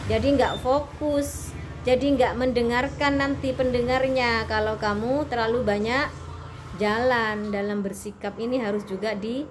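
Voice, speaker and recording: Slow-talking female teacher explaining patiently. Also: fairly high pitch, fairly even intonation, background noise. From Indonesia. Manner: patient, explaining slowly with fillers. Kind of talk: classroom lesson to students.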